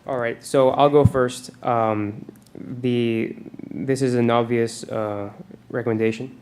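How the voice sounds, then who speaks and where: Male, mayor chairing a formal meeting, even intonation, meeting room mic, background noise. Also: mid-range voice, takes it slowly. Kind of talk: formal meeting procedure and remarks. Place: indoor public meeting room.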